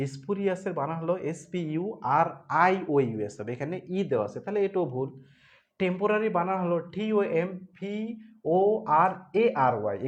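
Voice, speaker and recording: A man with a somewhat high voice teaches an online exam-prep class. He goes slowly and repeats each point. He spells words letter by letter and keeps asking whether everyone understood. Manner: explains step by step, repeats points, asks students if they understood; spells words letter by letter, mixes Bengali with read-out English.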